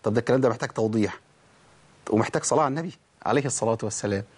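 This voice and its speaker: This tajweed lesson comes from a man with an Egyptian Arabic accent who explains Quran recitation rules, questions himself and supplies the answers, and demonstrates the pronunciation of sounds. His husky, darkish voice is medium in pitch and races along.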